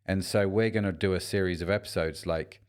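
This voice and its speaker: A man's voice: deep voice, steady tone, a little fast, clear, resonant tone. A man co-hosting a business podcast, talking in a chatty, rambling way and joking around. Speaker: podcast co-host. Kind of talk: casual podcast chat.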